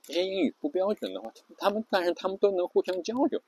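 A man's voice: sits high, big pitch swings, fast, a little mellow, husky. A man giving a casual spoken lesson, chatty and full of fillers, often stopping to ask his listeners a question.

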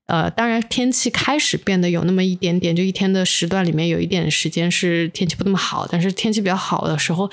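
A woman co-hosting a podcast while under the weather, telling personal stories casually and mixing English words into her Mandarin. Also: fairly low pitch. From inland China. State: unwell, recording while sick. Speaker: podcast co-host. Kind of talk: casual chat, personal storytelling.

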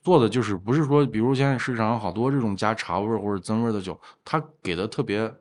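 Male craft brewer as interview guest, low pitch, agreeable, explains in casual conversation. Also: fast talker.

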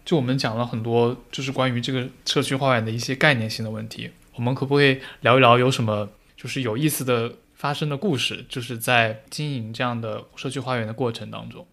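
A man's voice: medium pitch, steady tone, fast talker, gravelly, few pauses, a bit bright. A man hosting a podcast, asking a guest a question in a hesitant, loosely phrased way. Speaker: podcast host. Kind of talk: interview question.

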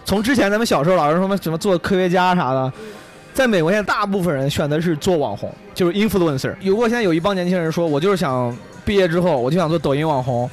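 Male host, casual and blunt, high register, extremely quick delivery, faint music underneath. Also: animated. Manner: blunt, slangy, swearing. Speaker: podcast host, stand-up comedian. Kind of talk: casual chat.

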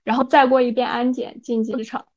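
A woman co-hosting a podcast, telling a story in a casual, animated way and often checking in with her listener. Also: a little high, brisk, highs cut off. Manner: animated, frequent "你知道吧" asides. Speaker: podcast co-host.

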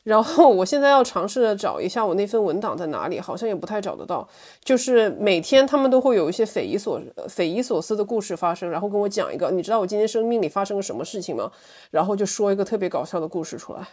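A woman chatting casually as an interview guest, telling anecdotes in an animated way. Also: mid-range voice, fast, breathy edge. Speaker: podcast guest, language teacher.

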